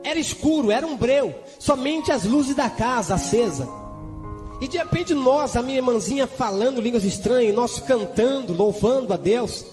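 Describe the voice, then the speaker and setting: A man's voice: very high voice, expressive, moderate pace, darkish tone, in a large hall, soft background music. A Brazilian man preaching a testimony with fervent emotion, punctuating it with hallelujahs and speaking in tongues. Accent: Brazilian Portuguese. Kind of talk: church testimony.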